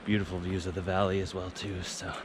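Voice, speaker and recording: A man's voice: deep voice, flat delivery. A man talking casually to camera as a travel vlogger, out of breath while climbing a mountain trail, chatty and self-mocking. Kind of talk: casual vlog talk to camera. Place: outdoors on a mountain trail near a waterfall. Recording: loud rushing waterfall noise outdoors.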